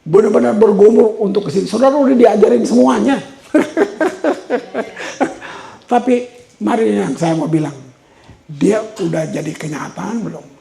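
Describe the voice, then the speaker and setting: Gravelly man preaching in roomy hall. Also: sits high, brisk, dark tone. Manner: storytelling, repeats words for emphasis. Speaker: pastor. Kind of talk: sermon. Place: church hall. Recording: roomy church hall echo.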